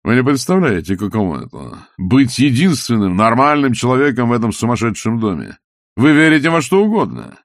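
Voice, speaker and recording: Give me a man playing a gloating, mocking opera villain, dry and close, with a lively pitch. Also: brisk, no room sound. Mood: sneering. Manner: sneering, theatrical, taunting.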